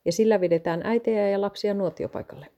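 A woman's voice: medium pitch, creaky, mellow, highs cut off, lightly acted. A woman reading the lines of a cheerful male vicar in a read-aloud story, eagerly listing what his parish offers. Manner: eager, salesy, enthusiastic listing.

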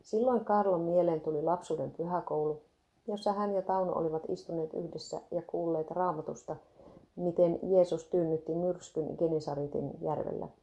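A woman narrating a devotional story aloud in a steady, even reading. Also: on the low side, dull audio.

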